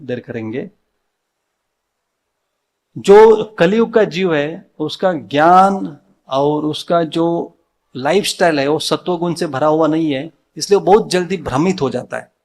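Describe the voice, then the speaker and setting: A man with an Indian accent giving a devotional Sunday sermon in a temple hall, mixing in English words and asking his listeners questions that he answers himself. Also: a little high. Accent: Indian, mixing Hindi with English words. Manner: asks the audience questions and answers them himself.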